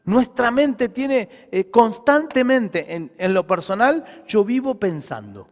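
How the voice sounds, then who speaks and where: A man's voice: very high-pitched, big pitch swings, slow pace, in a large hall. A man preaching a sermon as pastor, with a Rioplatense Spanish accent, emphatic and full of rhetorical questions.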